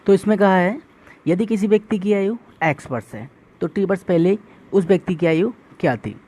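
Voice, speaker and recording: Here the same kind of exam-prep maths lesson comes from a man with a high, mellow voice at a moderate pace. He calls his viewers friends, walks through the material step by step, and answers his own questions.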